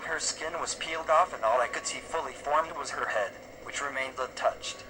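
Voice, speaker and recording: A synthetic, text-to-speech man's voice narrates a scripted story in the first person. It sits at an average male pitch. Heavy noise runs behind the narration. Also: moderate pace.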